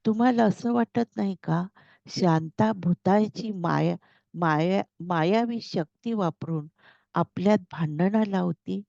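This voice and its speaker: A woman narrator voicing a calm male god who soothes a quarrel, in a dull lo-fi recording. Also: lowish voice, slow pace, vocal fry, dry recording.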